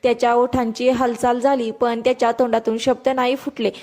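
A woman narrating a first-person story in a steady, descriptive storytelling manner. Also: a little high, a little fast, slight background noise.

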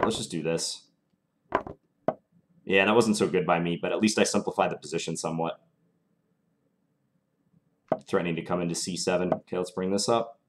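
A young man with a mild Minnesota accent streams live from a small room at home, thinking aloud through his chess moves as he plays. His voice is low-pitched, with background noise audible.

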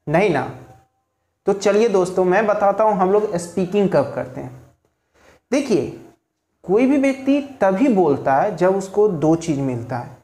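A man's voice: sits high, lively intonation, measured pace, warm tone. A man teaching a spoken language lesson at home, asking rhetorical questions and repeating his key points. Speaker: English teacher. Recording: roomy echo, faint ambient noise.

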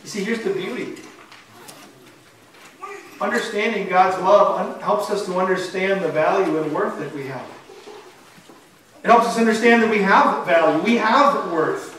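Echoey higher-voiced man preaching. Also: a little slow, pauses often, fairly bright tone, a little hiss or hum. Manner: earnest, emphatic preaching with rhetorical questions. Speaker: pastor. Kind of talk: sermon. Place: church sanctuary, indoors. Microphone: far camera. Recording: echoey church from far off.

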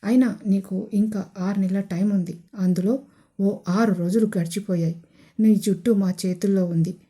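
A threatening man on a phone line, mocking and cold, as a woman narrator puts him on. The voice is mellow and slightly husky, delivered in an even storybook manner. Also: medium pitch, normal speed, lightly acted. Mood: menacing. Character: menacing male phone caller, taunting.

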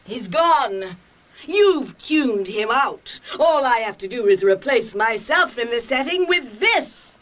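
A woman's voice: on the high side, lively intonation, a bit bright, a little hiss or hum. A woman playing a gloating cartoon villainess, theatrical and haughty, drawing her words out in mockery. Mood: triumphant. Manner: haughty, drawn-out mocking delivery. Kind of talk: cartoon voice acting. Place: recording studio booth. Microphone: studio microphone.

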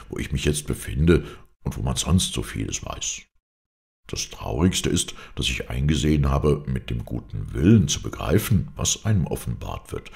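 In this storybook reading, the male reader gives voice to a grief-struck, brooding man who has lost his wife and son and sadly contemplates his fate. His hoarse, extremely deep, gravelly tone is a little mellow and exaggerated, though the pitch swings widely, and the manner stays philosophical and mournful.

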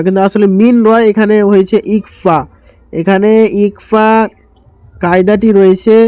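A man teaching Quran recitation step by step, explaining each word and then chanting the verses slowly and drawn out. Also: high voice, warm tone, clean tone, no echo. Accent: Bangladeshi Bengali.

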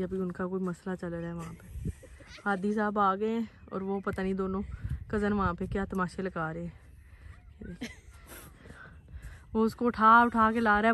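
A woman chatting to her phone camera while walking through farm fields, a bit out of breath and hoarse. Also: medium pitch, slight background noise. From Pakistan. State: slightly out of breath and coughing. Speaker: vlogger. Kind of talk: casual walking vlog narration. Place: outdoors in open farm fields. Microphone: phone camera held while walking.

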